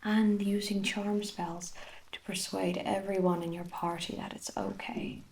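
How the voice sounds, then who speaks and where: An Irish woman performs an ASMR role-play as a gentle fantasy hair sorcerer. Her delivery is soft and even, with a crackly, creaky edge and deliberate, archaic wording. A faint noise and small clicks sit behind her voice. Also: medium pitch.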